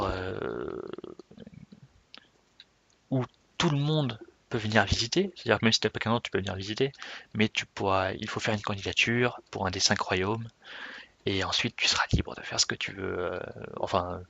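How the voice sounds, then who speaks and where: Guy rambling off the cuff about his game server, kinda low and gravelly, dry close mic. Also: moderate pace, pauses often, pushed and bright, dry recording, lo-fi sound. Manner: rambling, self-correcting, laughs at himself. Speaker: Minecraft server player introducing himself. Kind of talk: unscripted casual vlog talk.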